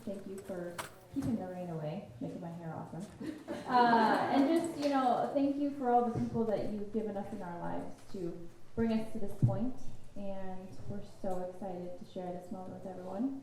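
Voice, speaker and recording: Bride praying from far off in an echoey space. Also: female voice, mid-range voice, a crowd in the background. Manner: earnest, halting with fillers. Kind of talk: spoken prayer. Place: wedding venue.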